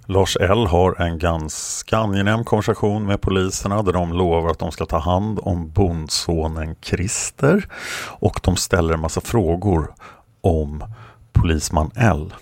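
Deep gravelly man reading aloud. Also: dry recording, clean studio sound. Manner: steady, plain, occasional hesitations. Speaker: narrator. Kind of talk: reading aloud from a book with commentary.

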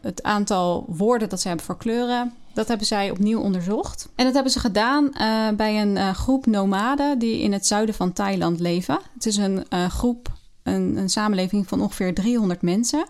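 A woman's voice: medium pitch, normal speed, few pauses, darkish tone. Hesitant woman explaining research. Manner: hesitant, many fillers and restarts. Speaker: co-host discussing a research article. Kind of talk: casual explanatory conversation.

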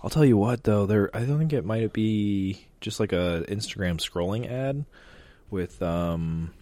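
A man from Illinois in his late twenties, a podcast guest telling laid-back stories with halting fillers. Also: on the low side, warm tone. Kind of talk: casual chat.

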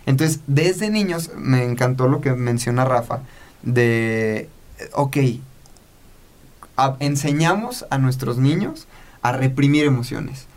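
A man's voice: mid-range voice, expressive, takes it slowly. A man hosting a casual podcast conversation, now and then acting out parents and children in quoted lines. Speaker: podcast host.

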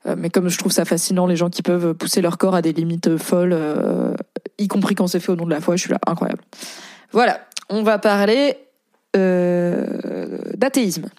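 A woman's voice: lowish voice, fairly even intonation, moderate pace, darkish tone, no room sound, studio quality. A young French-speaking woman hosting a casual podcast, reading and commenting on posts in a chatty way with many fillers.

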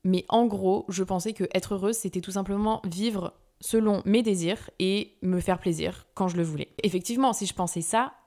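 A woman's voice: mid-range voice, moderate pace, few pauses, mellow. A young woman hosting a casual self-help podcast, talking informally with many fillers and restarts. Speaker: podcast host.

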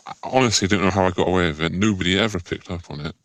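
A man speaking through a voice disguise that makes him sound deep, answering interview questions hesitantly and restarting his sentences. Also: rapid-fire, no echo. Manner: hesitant, self-conscious, frequent restarts. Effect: disguised voice, pitched down deep. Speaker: podcast guest. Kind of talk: candid personal interview.

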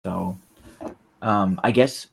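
A man co-hosting a podcast, chatting casually with his brother. His voice is on the low side. He hesitates often and fills the gaps with ums. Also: very slow, vocal fry, husky. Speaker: podcast co-host. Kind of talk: casual chat.

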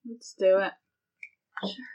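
A woman's voice: slow pace, a little mellow. A woman playing a tabletop game, joking and swearing freely. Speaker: player. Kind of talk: casual tabletop play.

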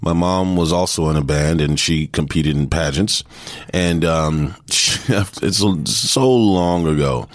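A man from Texas in his thirties, an actor guest telling his story in a relaxed interview, often pausing and restarting his sentences. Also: very deep voice, dry recording, studio quality. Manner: hesitant, many restarts and fillers. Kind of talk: casual interview talk.

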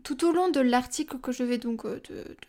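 A woman's voice: high-pitched, a little fast, dark tone. A young woman hosting a podcast, talking casually and personally with many fillers and asides. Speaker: podcast host.

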